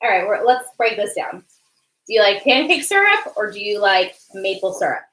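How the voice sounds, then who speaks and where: A woman hosts a casual live cooking stream, her medium-pitched, fairly bright voice sing-song at a normal speed. Chatty and giggly, she reads viewer questions aloud amid roomy kitchen echo and faint noise.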